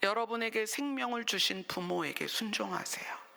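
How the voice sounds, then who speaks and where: Woman pastor, bright tone with fry, chatty sermon delivery, leans on rhetorical questions and whispered asides. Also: mid-range voice, normal speed, big-room sound. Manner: conversational preaching with rhetorical questions, dropping to whispers. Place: church sanctuary.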